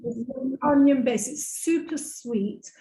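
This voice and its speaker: Slow-talking high-voiced woman. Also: warm tone. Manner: enthusiastic, repeats and restates. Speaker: interpreter and co-presenter. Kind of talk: casual chat, translating. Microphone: video call. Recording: echoey room over a video call.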